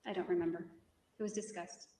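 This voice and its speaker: A woman testifying in court, giving soft-spoken, hesitant, mumbled answers under cross-examination. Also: lowish voice, steady tone, fairly quick. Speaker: defendant testifying as witness. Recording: distant echoey courtroom audio with faint hiss.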